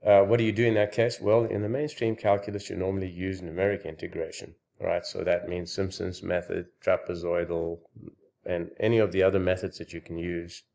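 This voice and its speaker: Man, deep low voice, math lecture, halting delivery, slightly winded. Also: vocal fry, a little mellow. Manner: halting, with frequent "uh" and restarts. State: slightly out of breath. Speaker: math channel host.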